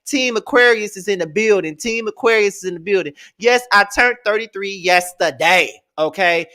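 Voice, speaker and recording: A man, hosting a live-stream review in a sassy, playful and animated way. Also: high voice, moderate pace. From Mississippi, US. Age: 30s. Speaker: livestream host.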